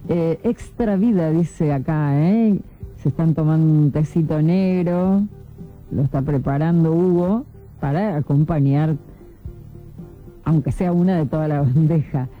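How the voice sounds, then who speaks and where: A woman from Córdoba, Argentina, hosts early-morning call-in radio, chatting as she reads listener messages aloud. Her voice is deep and her pace measured. The broadcast sounds thin like a phone line, with faint music underneath.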